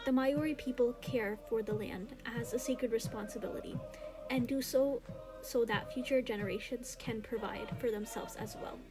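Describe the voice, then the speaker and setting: Young woman, American student, slightly high voice, measured scripted narration. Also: over music, low-quality recording. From United States. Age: young adult. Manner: measured, read-aloud delivery. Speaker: student presenter.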